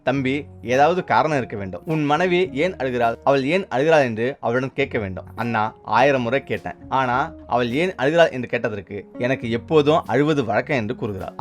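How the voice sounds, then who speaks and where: A man narrating a folk story and voicing all its characters in his own steady voice. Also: medium pitch. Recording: faint music underneath.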